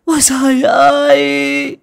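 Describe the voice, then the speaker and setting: Screechy sobbing village stepmom, fake tears, way up high. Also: female voice, completely flat delivery, takes it slowly, vocal fry, exaggerated voice. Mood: fake wailing. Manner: shrill crying lament.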